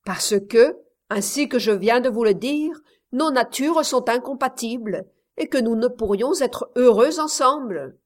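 A woman's voice: on the high side, expressive, unhurried, voice pushed up. A woman voicing a cold, vain young village man. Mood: curt, cold. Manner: curt, impatient delivery.

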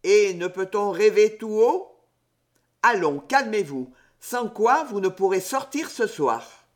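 A man voices a smooth, mysterious gentleman in a storybook reading, calm and cordial, with a teasing edge. The voice sits high and moves with a lively, unhurried melody. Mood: suave.

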